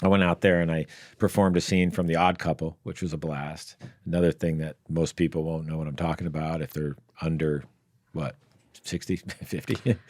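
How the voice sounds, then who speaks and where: Podcast guest: man, lowish voice, dry close sound, rambling storyteller. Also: no room sound. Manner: rambling anecdotes with fillers and laughs. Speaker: guest comedian. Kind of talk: casual storytelling. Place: podcast studio.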